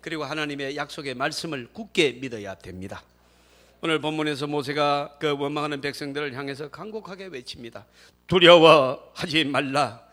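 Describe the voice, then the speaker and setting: A man preaching a sermon as pastor, moving between quiet asides and loud, shouted exhortations. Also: on the high side, a little fast. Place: church sanctuary.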